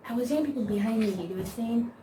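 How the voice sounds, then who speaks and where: A little high-pitched and a fast talker, this young woman vlogs in a Nigerian accent. Her casual to-camera chat drifts through stories with constant "like"s and plenty of slang. It's recorded through a distant mic, with noise behind her.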